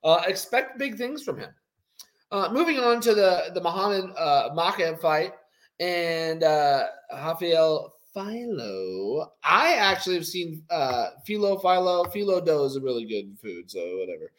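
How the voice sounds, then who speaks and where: A man co-hosting a casual post-fight show, talking in an animated, rambling way with many fillers. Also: sits high, normal speed. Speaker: co-host.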